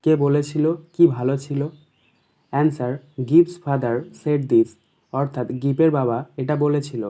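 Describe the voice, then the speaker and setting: A man with a West Bengal accent teaching an exam paper, reading each English question slowly and then explaining it quickly in Bengali. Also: medium pitch, steady tone, dark tone. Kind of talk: exam paper walkthrough lesson.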